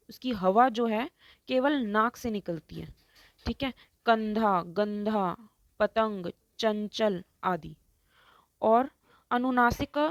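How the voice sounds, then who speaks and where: A woman's voice: fairly high pitch, no room sound. A woman teaching Hindi grammar in an online lesson. She explains step by step, pronounces each example word distinctly and keeps checking in with her students. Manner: slow, explains step by step, keeps asking "ठीक है".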